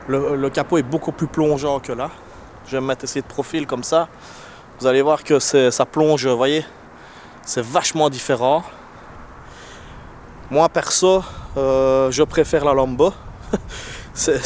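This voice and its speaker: A man with an unusual French accent hosting a casual car vlog, talking in a hesitant, chatty way with many fillers and restarts. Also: medium pitch. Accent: non-standard French accent. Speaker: car channel host. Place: in a car, then outdoors beside parked cars. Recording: noisy, with car and street sound. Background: vehicle and street noise.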